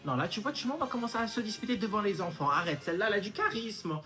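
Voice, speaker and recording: A man's voice: sits high, animated, rapid-fire, over music. A man performing a POV comedy sketch, talking in a mocking, teasing, interrogating way.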